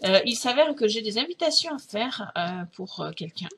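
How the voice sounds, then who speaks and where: A woman's voice: medium pitch, sing-song, moderate pace, fairly bright tone. A middle-aged woman from France chatting casually through a craft haul, hesitant, with many fillers and restarts. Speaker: craft vlogger.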